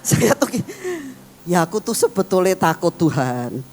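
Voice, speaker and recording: A woman pastor, preaching a sermon as emotive storytelling that swings between excited and hushed. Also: fairly low pitch, unhurried, a little hiss or hum. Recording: long hall reverb with faint music.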